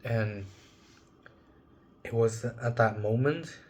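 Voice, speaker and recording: Slow, halting young man sharing a story. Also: mid-range voice, a little mellow. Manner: halting, searching for words, emotional. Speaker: vlogger. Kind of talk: personal reflective monologue.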